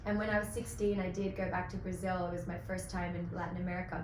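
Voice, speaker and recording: Warm, storytelling actress, roomy room. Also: female voice, lowish voice, flat delivery, quick pace. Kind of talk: press junket interview. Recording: roomy with faint noise.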